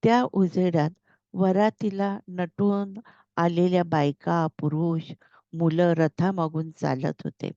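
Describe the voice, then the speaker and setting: Slow, gravelly woman storyteller. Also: lowish voice, fairly even intonation, warm tone, no room sound. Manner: slow, deliberate. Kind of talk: storytelling narration. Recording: dull lo-fi recording.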